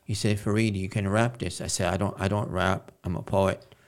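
A man from Jerusalem, a guest poet in a casual interview, talking in a halting, earnest way with many pauses. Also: low voice, flat delivery.

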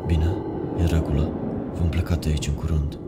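A man voicing a calm, protective young man who reassures the others. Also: a bass voice, heavy background noise. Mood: reassuring.

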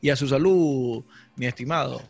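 A Venezuelan man hosting a casual chat with friends, slangy and joking, often breaking into loud laughter. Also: mid-range voice, normal speed, creaky, music in the background. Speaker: podcast host. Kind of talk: casual banter among friends.

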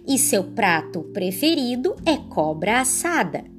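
A clever little mouse from a storybook, proud and quick-witted, as a woman reads him. The voice sits high and bounces around a lot, with faint music under it. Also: big pitch swings. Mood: sly proud. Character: small clever boastful male mouse.

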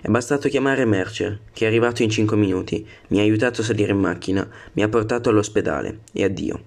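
A man reading an older father's lines from a novel, brisk and dismissive. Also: lowish voice, gravelly, a little mellow. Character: recovering older father, downplaying his scare.

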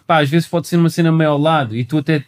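A man's voice: on the high side, quick pace, smooth. A man chatting casually as a rapper guest, slangy and emphatic, often repeating himself. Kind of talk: casual chat.

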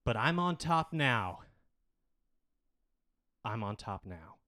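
A man playing a petty, bragging male head of the family in an improvised comedy audio drama, spiteful and prone to loud outbursts. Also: mid-range voice, big pitch swings, slow, no room sound, clean studio sound, full character voice. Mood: gloating.

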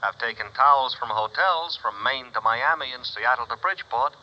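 An actor playing a brash, sarcastic male theatrical agent in an old radio drama, indignant and gruff on the phone. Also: medium pitch, normal speed, close to an everyday voice. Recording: dull lo-fi old radio recording.

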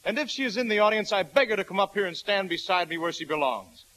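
High-voiced, earnest young lover. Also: male voice, expressive, quick pace, pushed and bright, rough recording. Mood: earnest, grateful. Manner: earnest, sincere. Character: earnest, tender young composer in love. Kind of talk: 1940s radio drama acting. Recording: hissy old radio broadcast.

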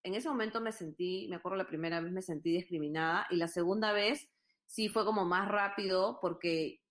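A woman's voice: fairly low pitch, a little fast, fairly bright tone. A Peruvian woman telling stories in a casual chat, earnest and full of fillers. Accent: Peruvian Spanish. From Peru. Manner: hesitant, many fillers, earnest storytelling.

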